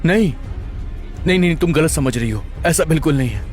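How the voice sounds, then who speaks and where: A man dubbing a horror film role, playing an unstable, obsessive male killer who pleads softly and breaks into anguished cries. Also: on the high side, animated, fairly quick, soft background music, close to an everyday voice. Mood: brooding. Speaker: dubbing actor. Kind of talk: Hindi-dubbed horror film acting.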